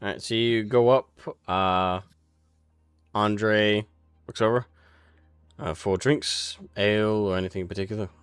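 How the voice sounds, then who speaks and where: A man narrating as game master of a tabletop game, pausing often with fillers as he describes scenes. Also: fairly low pitch, fairly even intonation, clear, resonant tone, no room sound, faint music behind. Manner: halting, filler-heavy descriptions.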